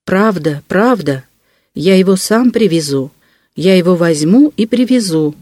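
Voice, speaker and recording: A narrator voicing an agitated, gentle man who pleads earnestly as he soothes a girl in an audiobook. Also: medium pitch, animated, a little slow, no echo, clean studio sound. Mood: pleading.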